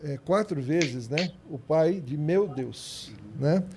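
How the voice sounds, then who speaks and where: A man's voice: on the high side, expressive, takes it slowly, noisy background. A Brazilian man explaining religious arguments as a teacher on a panel, didactic and point by point, with small checking tags. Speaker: theology teacher on a radio panel.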